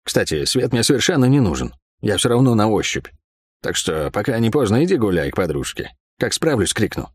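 Man doing a calm male thief, quiet, unhurried, low-key, audiobook. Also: breathy edge, no room sound, studio quality. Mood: dismissive. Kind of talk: audiobook character voice.

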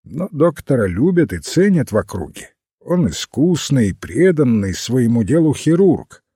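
An eager, easily alarmed young gentleman, as a male reader plays him, his lines rising in lively swings over a husky, mellow tone. The delivery stays unhurried, and the dry, close recording has no room sound. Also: medium pitch, no echo. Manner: eager, agitated. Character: excitable, earnest young gentleman.

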